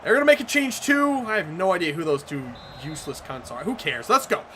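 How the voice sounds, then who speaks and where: A woman commenting on her own video game match, excitable and swearing freely, shouting at big plays. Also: fairly low pitch, fairly quick, a little hiss or hum. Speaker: gaming commentator.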